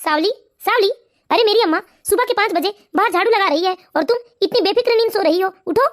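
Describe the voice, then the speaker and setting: An actor doing a cartoon husband with a strikingly high, fast voice, earnest and pleading as he tries to calm his family. He is the steady son caught between his mother and his wife. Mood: puzzled. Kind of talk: animated moral story voice acting.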